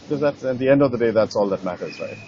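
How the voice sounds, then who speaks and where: A middle-aged painter from Nepal, answering interview questions in a thoughtful way, with many fillers and restarts. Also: male voice, medium pitch, rapid-fire, highs cut off, noisy background. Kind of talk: conversational interview.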